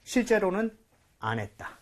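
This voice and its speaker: Male English teacher, husky and very animated, patient quizzing style. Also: sits high, a little slow. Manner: patient, quizzing, explains and corrects. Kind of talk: English lesson with a student.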